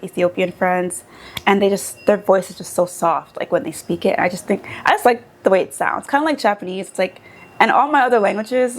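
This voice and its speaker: A young woman from the United States talking casually and animatedly in a vlog, with many fillers. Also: medium pitch. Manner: animated, chatty, lots of fillers. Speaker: vlogger. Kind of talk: casual chat.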